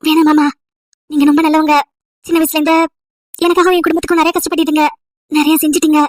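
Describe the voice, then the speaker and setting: A woman's voice: high-pitched, flat delivery, fast talker, darkish tone, dry recording. A woman storyteller voicing a sad, devoted young wife who pleads earnestly and tenderly. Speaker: storyteller voicing all parts.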